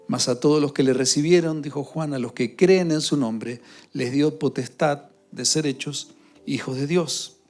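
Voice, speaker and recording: Male pastor preaching, lots of ums and repeats, medium voice, quiet music in the back. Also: mid-range voice. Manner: hesitant, many filler sounds and repeated words; grows louder and more fervent toward the close. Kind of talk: sermon.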